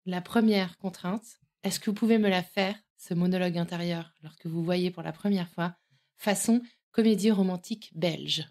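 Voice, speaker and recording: A woman's voice: fairly low pitch, moderate pace, a little mellow. A woman hosting an improv session, setting challenges with an encouraging, explanatory manner. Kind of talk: casual chat.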